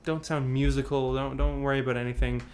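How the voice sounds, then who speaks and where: Man, vocal coach, online singing lesson, average pitch, loose rambling talk, video call. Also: flat delivery, fast, a little mellow, slight background noise. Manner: demonstrates sighs and sung examples; loose, rambling, many restarts.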